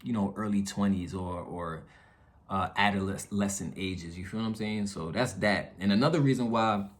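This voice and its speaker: A man's voice: fairly low pitch, moderate pace. A man venting casually to his viewers in an earnest, slangy way, repeating phrases for emphasis. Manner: candid, slangy, frequent check-in tags. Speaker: YouTube vlogger.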